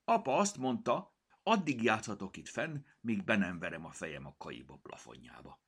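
A man's voice: lowish voice, big pitch swings, slightly rough, exaggerated voice. A man voicing an earnest, fretful nine-year-old girl in a storybook reading, with a raised, pleading voice. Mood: eager.

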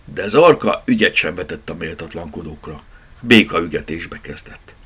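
A man reading a children's story aloud with lively expression. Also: low voice, husky.

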